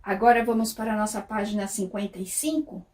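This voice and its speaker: Through a distant mic comes a Brazilian woman's medium-pitched, slightly mellow voice, brisk and fairly even in intonation, with a Brazilian Portuguese accent. As a kindergarten teacher she talks to small children in a sing-song way, lengthening words and answering her own questions.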